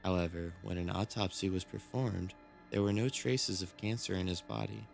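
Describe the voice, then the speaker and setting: A man reads scripted true-crime horror narration in a measured, solemn storytelling manner. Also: sits low, fairly even intonation, vocal fry. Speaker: narrator of a creepy mystery series. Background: background music.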